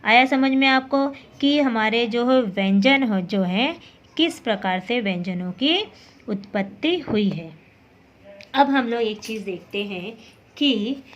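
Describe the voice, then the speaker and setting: A woman teacher giving a Hindi alphabet lesson, reciting the consonants slowly and explaining patiently. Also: a little high. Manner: slow, drawn-out recitation of letters; patient explaining with repeated checks. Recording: dull lo-fi recording with faint noise.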